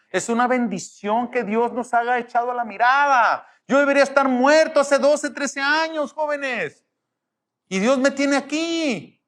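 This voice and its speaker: A middle-aged pastor preaches to his congregation, his voice sitting high for a man. He is emphatic and keeps asking the room rhetorical questions. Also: fairly bright tone.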